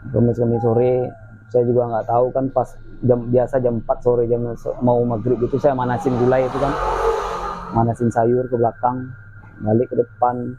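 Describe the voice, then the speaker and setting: Mellow-voiced man telling a ghost story. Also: mid-range voice, moderate pace. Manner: lively retelling, acts out quoted voices. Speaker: guest storyteller. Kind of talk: casual spoken ghost story. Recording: dull lo-fi with faint noise.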